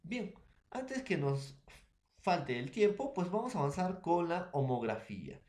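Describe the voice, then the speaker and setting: A man's voice: on the high side, big pitch swings, a little slow, a little mellow. Peruvian guy teaching a class, keeps asking if the students got it, echoey room. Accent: Peruvian Spanish. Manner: repetitive, addresses students and fellow teachers, asks rhetorical questions. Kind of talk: recorded remote class lecture.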